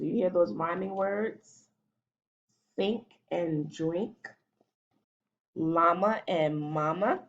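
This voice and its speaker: A woman teacher reading a picture book aloud to children, animated and stopping often to ask them questions. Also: on the low side, vocal fry. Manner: animated, asks children questions as she reads. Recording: dull lo-fi recording.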